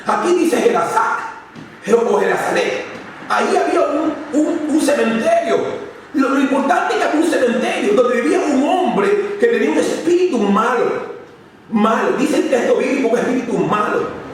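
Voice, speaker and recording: A man's voice: extremely high pitch, animated, normal speed. A man teaching a theology class as a Bible lecture, emphatic and repetitive, acting out the demon's lines. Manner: emphatic, repeats words, acts out the demon's lines. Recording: very echoey room, from far off, faint noise.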